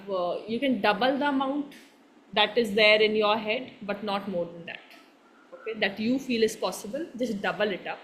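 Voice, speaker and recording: A woman's voice: on the high side, a little hiss or hum. Encouraging Indian woman coaching a group. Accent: Indian English. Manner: warm, encouraging, laughs often, checks in with the group; mixes Hindi phrases into her English. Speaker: workshop coach. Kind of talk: guiding a live workshop exercise.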